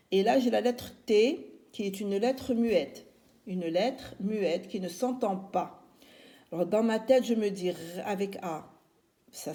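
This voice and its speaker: A woman teacher walks young children through a spelling lesson, slowly sounding out syllables and naming each letter. Her voice is dark and mellow with a gravelly edge, and she speaks at an unhurried pace. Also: medium pitch. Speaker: primary school teacher.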